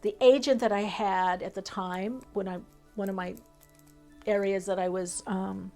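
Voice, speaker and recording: A woman's voice: medium pitch, fairly even intonation, unhurried, darkish tone, soft background music. A woman reading tarot for her viewers, talking in a flowing, spiritual way with fillers and long trailing lists. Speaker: tarot reader.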